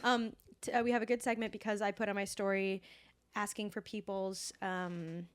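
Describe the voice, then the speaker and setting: A woman's voice: medium pitch, level tone, moderate pace, clear, resonant tone, dry recording. A woman comedian co-hosting a podcast, chatting casually in a playful, self-mocking banter.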